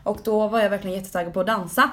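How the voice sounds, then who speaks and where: A woman's voice: mid-range voice, steady tone. A young woman of eighteen chatting casually on a podcast. Her voice sits in the middle of the range, and she tells her stories in a wry, easygoing way. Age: young adult. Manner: wry, laid-back retelling with quoted lines. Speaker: podcast co-host. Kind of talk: casual chat.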